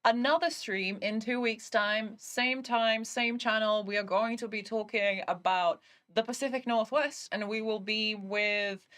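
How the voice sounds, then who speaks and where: Woman, stream host, higher voice, upbeat, laughs often. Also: a little slow, few pauses, a bit bright. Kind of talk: hosting a live interview stream.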